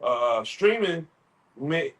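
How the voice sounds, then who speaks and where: A man talking in a casual group chat, animated and full of slang, acting out quoted voices. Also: fairly high pitch, extremely slow, far from the mic. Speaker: podcast co-host.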